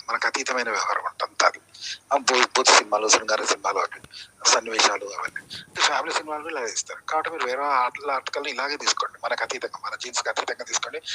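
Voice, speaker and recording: A man lectures as a channel host at a quick clip. He circles back on the same phrases and keeps throwing out rhetorical questions. A steady hiss and scattered clicks sit under his voice. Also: medium pitch, poor audio. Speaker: channel host giving advice. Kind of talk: rambling spoken lecture.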